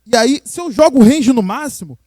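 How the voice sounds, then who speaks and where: A man's voice: very high voice, lively intonation, fairly quick, darkish tone, no echo, clean studio sound. A Brazilian man teaching a live sound-engineering class, explaining casually and checking in with his listeners. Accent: Brazilian Portuguese. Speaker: sound course instructor. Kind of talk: live hands-on demonstration lesson. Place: room with a live audience and a sound system.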